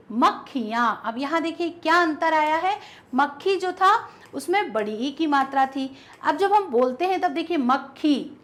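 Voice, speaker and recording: A young woman teacher explaining grammar to school students, reading word pairs aloud with clear stress. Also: sits high, fairly bright tone.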